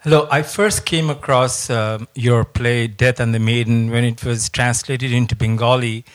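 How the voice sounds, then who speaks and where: A man's voice: mid-range voice, fairly even intonation, normal speed, no room sound. A man from Bangladesh, an audience member, asking a question hesitantly with many fillers.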